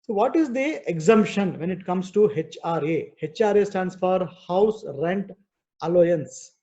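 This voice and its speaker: This is an online lesson from a man with an Indian accent whose voice sits high and sounds warm and unhurried. Teaching in a didactic, repetitive manner, he takes worked problems step by step and keeps checking with "okay." The audio is dull and muffled, typical of a video call.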